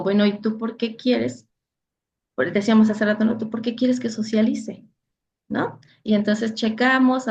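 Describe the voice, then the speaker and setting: Woman psychologist, talks earnest and thoughtful, bit of vocal fry, muffled audio. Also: medium pitch, a little hiss or hum. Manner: earnest, reflective, with frequent "eh" fillers and "¿no?" tags. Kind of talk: explanatory interview talk. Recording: dull lo-fi audio.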